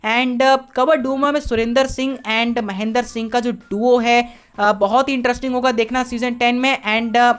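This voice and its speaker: A woman gives a brisk voice-over recap of auction results. Her voice sits slightly high and she keeps a steady listing rhythm, dropping English words into Hindi sentences. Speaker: sports video narrator.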